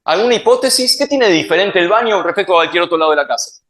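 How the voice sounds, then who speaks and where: A man's voice: high voice, lively intonation, rapid-fire, fairly bright tone. A man with an Argentine accent giving a playful public science talk, quizzing the audience with questions. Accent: Argentine Spanish. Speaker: science speaker.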